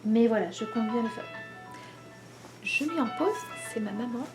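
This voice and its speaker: A woman, likely in her thirties, chatting casually to the camera at home as host of a knitting video, pausing often with many fillers. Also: fairly high pitch, expressive, music in the background. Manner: hesitant, many pauses and fillers.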